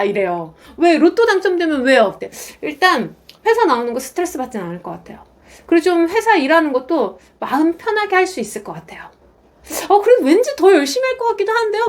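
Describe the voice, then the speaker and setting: Lively high-voiced woman lecturer. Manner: animated, acts out quoted voices. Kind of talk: motivational talk to camera.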